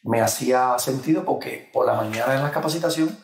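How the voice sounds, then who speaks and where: A man's voice: medium pitch, a little fast, gravelly, roomy sound, a little hiss or hum, rough recording. A middle-aged Cuban man being interviewed about his career, talking with many fillers and restarts. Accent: Cuban Spanish. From Cuba. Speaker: guest, insurance trainer. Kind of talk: interview conversation.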